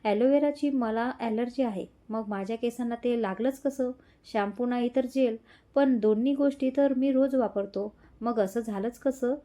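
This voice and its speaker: A woman's voice: a little high, normal speed, warm tone, lightly acted. A woman doing a grumbling, irritated businessman. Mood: frustrated muttering. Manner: grumbling, frustrated. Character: irritated young businessman muttering to himself.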